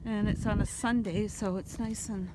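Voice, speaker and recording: A woman's voice: mid-range voice, fairly even intonation, normal speed. A woman chatting casually as she films a walk along a stone breakwater by the sea, rambling with fillers. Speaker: vlogger. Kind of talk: casual walking vlog. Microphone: phone camera held by the speaker. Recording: noisy outdoor phone recording.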